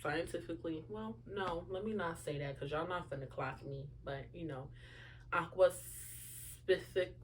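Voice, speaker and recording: A young woman in her early twenties hosts a casual solo podcast chat, speaking in a low voice a little slowly. She's chatty, full of fillers and rambling asides to listeners, and a faint room hum is audible.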